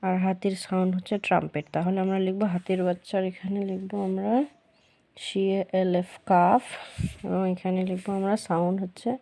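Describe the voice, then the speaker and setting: A woman teacher, explaining a children's workbook lesson patiently and repeating the answers slowly. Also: lowish voice, little pitch movement, creaky, mellow.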